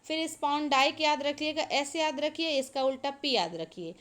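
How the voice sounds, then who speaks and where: In a high-pitched, slightly bright voice at a moderate pace, a woman leads an exam-prep class. She explains everything step by step, repeats important terms, and invites students to answer.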